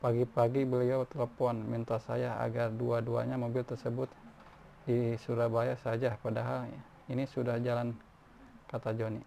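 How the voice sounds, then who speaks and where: A man's voice: medium pitch, monotone, moderate pace, vocal fry, mellow. A man reading news articles aloud, often stumbling and restarting words. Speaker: news reader. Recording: faint background noise.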